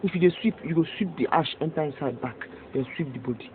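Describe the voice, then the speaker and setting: A woman's voice: sits low, fast talker, background noise, close to an everyday voice. A woman with a Nigerian Pidgin accent plays a weary village woman who complains in an exasperated way. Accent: Nigerian Pidgin English. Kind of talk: film drama acting. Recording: tinny lo-fi audio with loud music.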